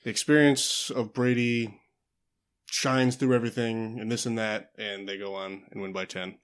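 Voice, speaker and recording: A man co-hosting a casual sports podcast who gives measured, dry takes and shrugs off teasing. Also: lowish voice, level tone, clear, resonant tone. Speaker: co-host.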